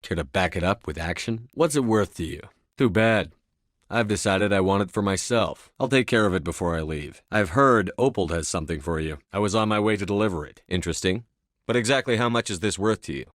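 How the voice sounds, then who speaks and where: A composed, businesslike male military commander from a sci-fi video game. His voice sits low and he speaks in measured, clipped, matter-of-fact lines with a tough edge. The sound is dry, with no room on it. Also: lively intonation, no room sound. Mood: cool, businesslike. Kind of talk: scripted video game dialogue.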